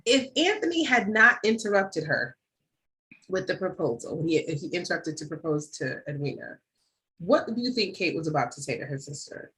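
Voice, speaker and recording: A woman's voice: lowish voice, sing-song, moderate pace, a bit bright, rough recording. A woman co-hosting a casual podcast, talking things through and putting questions to her co-host. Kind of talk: casual chat.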